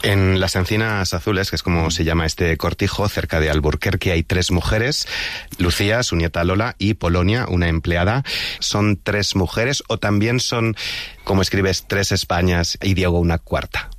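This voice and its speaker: A man with a low voice conducts the interview. He sets out a short summary in a composed way and then puts his question to the guest. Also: moderate pace, no echo. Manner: composed, reads summaries before asking.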